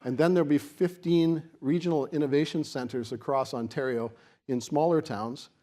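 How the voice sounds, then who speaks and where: A man giving a semi-extemporaneous podium speech as a keynote speaker, explaining in a halting way with repeated restarts. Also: on the high side, warm tone. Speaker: keynote speaker for a technology organisation.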